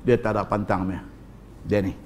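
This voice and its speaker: Animated northern Malay preacher. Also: male voice, lowish voice, normal speed. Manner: animated storytelling, addresses the audience, repeats for emphasis. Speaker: Islamic preacher. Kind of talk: religious lecture.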